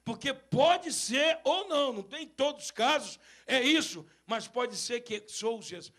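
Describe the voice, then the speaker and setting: A man preaching an animated sermon at a church service, acting out stories and breaking into shouts. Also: very high-pitched, measured pace. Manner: mixes English phrases into his sermon. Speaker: bishop preaching.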